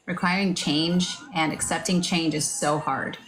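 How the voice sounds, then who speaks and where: A woman's voice: low-pitched, steady tone, measured pace, fairly bright tone, a little hiss or hum. A woman co-hosting a casual live online chat, talking in an encouraging, chatty way straight to her listeners. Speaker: co-host of a live online talk show.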